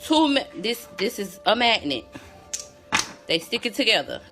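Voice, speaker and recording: A woman's voice: fairly high pitch, big pitch swings, a little slow, over music. A woman filming herself on a phone camera, upset and emphatic as she talks straight to viewers. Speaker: mother filming a video. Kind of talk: angry phone video rant.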